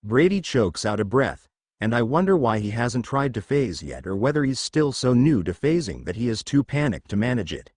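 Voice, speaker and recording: A man narrating a first-person fan fiction story in an expressive storytelling manner. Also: medium pitch, normal speed, dry recording.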